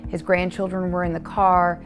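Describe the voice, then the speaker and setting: A woman's voice: lowish voice, level tone, moderate pace, over music. A woman news reporter telling her story in a documentary interview, earnest and repeating words when stressing a point.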